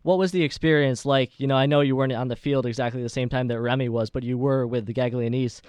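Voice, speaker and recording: A man's voice: medium pitch, steady tone, fast talker, a little mellow, clean tone, dry recording, clean studio sound. A man hosting a sports show, talking conversationally through interview questions and soccer commentary in a wordy way.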